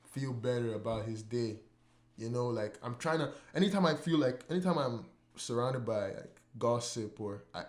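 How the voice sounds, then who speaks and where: A man hosting a casual podcast, mid-range voice, meandering and repeating himself as he works out his point. The recording has a noticeably roomy, echoing sound. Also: mid-range voice. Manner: rambling, full of "like" and repeated words. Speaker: podcast host. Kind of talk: casual chat. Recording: roomy echo.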